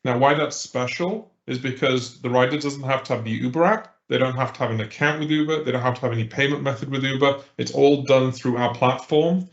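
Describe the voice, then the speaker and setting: A man's voice: medium pitch, fairly even intonation, brisk, hardly any pauses. Man on a glitchy, cutting-out call. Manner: businesslike with filler uhs and restarts. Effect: glitchy, cutting-out call audio. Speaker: transit agency presenter. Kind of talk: meeting update over a call. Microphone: remote video call. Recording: dull, echoey remote call audio.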